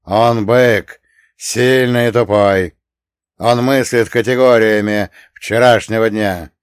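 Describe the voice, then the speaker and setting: A man voicing an older, domineering mafia boss with a thick voice who lectures loudly. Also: medium pitch, clear, resonant tone, dry recording, studio quality, lightly acted. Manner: raises his voice, lecturing.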